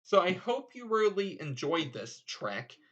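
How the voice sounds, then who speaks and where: Unhurried man giving a casual tutorial, dull sound. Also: sits high, very animated, a bit bright. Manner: informal, step-by-step explaining. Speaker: card trick tutorial presenter.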